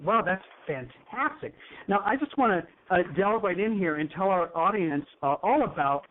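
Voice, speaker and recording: A man's voice: high voice, lively intonation, moderate pace. A man hosting a talk show in a flamboyant, teasing, effusive manner. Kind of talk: campy talk show chat. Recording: tinny phone-like line.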